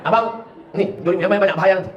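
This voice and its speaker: A man's voice: high voice, very fast, reverberant, muffled recording, slight background noise, natural voice. A man voicing a fussy wife who keeps questioning her husband. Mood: nagging.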